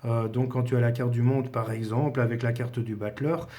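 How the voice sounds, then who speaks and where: A man's voice: medium pitch, little pitch movement, a little fast, warm tone. A man giving a casual spoken tarot lesson, talking informally to the viewer with frequent hesitations. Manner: conversational, addresses viewer informally, many fillers. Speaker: tarot teacher.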